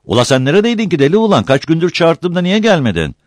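A man playing a loud, coaxing village landlord. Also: on the low side, big pitch swings, a little fast, no room sound, voice pushed up. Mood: mocking. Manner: loud, coaxing, calls people "ula".

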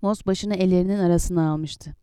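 A woman narrating an audiobook in a measured, steady reading voice, close to the mic. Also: fairly low pitch, smooth, dry recording. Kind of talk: scripted narration.

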